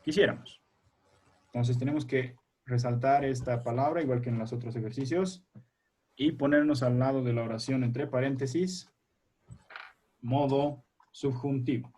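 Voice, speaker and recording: A man's voice: mid-range voice, steady tone, moderate pace, warm tone. A male primary school teacher leading a remote class over a video call, explaining patiently step by step and quizzing his pupils.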